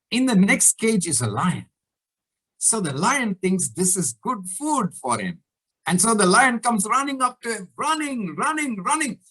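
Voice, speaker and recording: A male coach educator gives a motivational talk that mixes a story with lessons. He speaks in an animated, emphatic way, stressing key words. His voice sits high for a man. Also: slightly rough.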